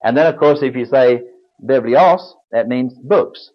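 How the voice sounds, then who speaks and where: A man's voice: medium pitch, unhurried. An older man preaching a Bible lecture, explaining in a folksy way and spelling words aloud. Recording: dull lo-fi recording.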